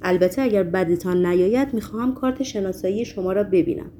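A woman reading aloud, voicing a panicky, bullying male building chairman who shouts in a gruff, flustered way. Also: mid-range voice, slight background noise, natural voice. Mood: panicked.

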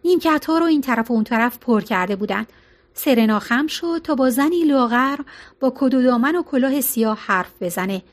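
A woman reading a novel aloud as audiobook narrator, in steady storytelling. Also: fairly high pitch.

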